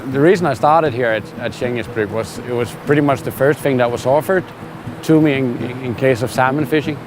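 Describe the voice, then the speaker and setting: A middle-aged man from Denmark, a fishing guide, talking candidly and relaxed in a documentary interview with frequent "uh"s and restarts. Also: medium pitch, brisk, noisy background. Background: music.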